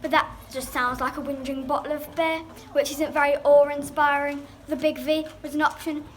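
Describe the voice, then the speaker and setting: A female performer playing a pompous virus supervillain in a school play, gloating with slow theatrical menace. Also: high-pitched, level tone, natural voice. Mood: menacing, boastful. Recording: echoey, noisy school hall recording.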